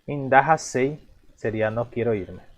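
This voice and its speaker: A man teaching a language lesson, explaining slowly, repeating each term and asking himself questions before answering. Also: medium pitch. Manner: repeats terms patiently, asks himself rhetorical questions.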